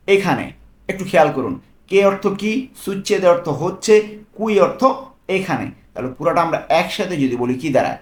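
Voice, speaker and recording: A man with a Bangladeshi accent, working as a language tutor. He explains phrases patiently, repeating each one slowly and checking in with "okay?". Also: high voice. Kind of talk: explaining Italian phrases in Bengali.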